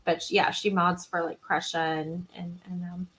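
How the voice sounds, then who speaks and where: A woman's voice: fairly low pitch, level tone, normal speed, a bit bright, poor audio. Woman rambling on a live podcast, giggly, kinda self-deprecating, super casual. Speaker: podcast co-host. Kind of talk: casual live-stream chat.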